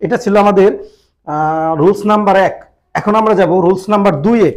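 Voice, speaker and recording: A man's voice: sits high, brisk. A man teaching a language grammar lesson, patiently repeating each point and pointing viewers to their textbook. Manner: addresses viewers directly, pointing them to the book.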